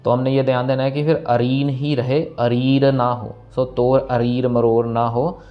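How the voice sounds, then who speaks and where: A man teaching scripture pronunciation, reciting lines slowly and breaking words down syllable by syllable. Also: mid-range voice, steady tone, lo-fi sound. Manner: slow, careful, repeats lines syllable by syllable. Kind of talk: step-by-step recitation lesson. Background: faint instrumental music.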